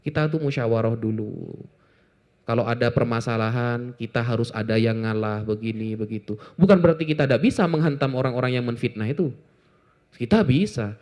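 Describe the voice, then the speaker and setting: A man from Indonesia, talking informally to an audience in a joking, animated way with lots of asides. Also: mid-range voice, brisk. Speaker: Islamic apologetics speaker.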